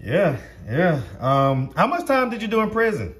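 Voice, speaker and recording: Easygoing high-voiced man interviewing. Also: sing-song, moderate pace, fairly bright tone. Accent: Southern US. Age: 30s. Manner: easygoing, laughs often, chatty questions. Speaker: street interviewer. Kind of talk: casual interview.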